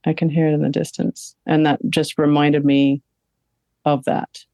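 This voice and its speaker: Mellow-voiced woman, hesitant and halting. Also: deep voice, level tone, no echo, lo-fi sound. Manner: hesitant, halting, searching for words. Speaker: therapy client. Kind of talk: live therapy session. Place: home.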